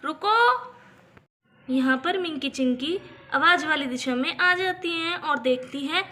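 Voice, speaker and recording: A woman narrating a children's doll story, telling it in a slow, deliberate way. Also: high voice, bright, forceful tone.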